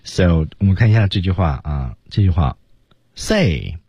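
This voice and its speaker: A man's voice: low-pitched, very animated, moderate pace, warm tone, slightly rough, dry recording. A man teaching English on the radio, explaining each example line and then acting it out. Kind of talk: radio language lesson. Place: radio studio. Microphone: studio microphone.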